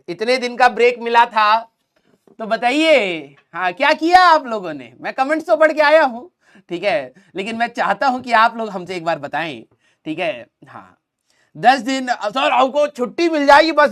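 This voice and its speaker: A male teacher with a sore throat chats casually and affectionately with his students. He speaks a little softly and warmly calls them "beta", mixing in English phrases. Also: very high voice, expressive, moderate pace. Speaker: online class teacher. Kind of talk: casual lecture to students, Hindi mixed with English.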